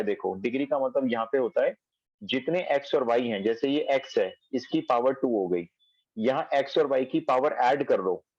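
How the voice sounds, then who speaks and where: A man teaching a math class online from home, working through each step aloud and stopping to check that his students follow. His voice sits at a middling pitch. The sound is dry and dull, like a lo-fi recording. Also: a little mellow, dry recording. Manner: explains step by step, checks understanding.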